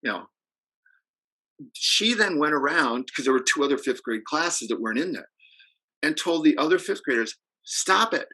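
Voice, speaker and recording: A man's voice: fairly high pitch, expressive, normal speed, pauses often, sharp tone, rough recording. A middle-aged man giving a training over a video call, telling stories in a conversational way and asking the audience questions. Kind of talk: presentation.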